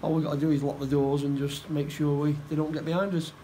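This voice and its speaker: A middle-aged football manager giving a post-match interview, plain-spoken and halting, often repeating his words. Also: on the high side, level tone, mellow, slight background noise, poor audio. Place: indoor room by a stadium door.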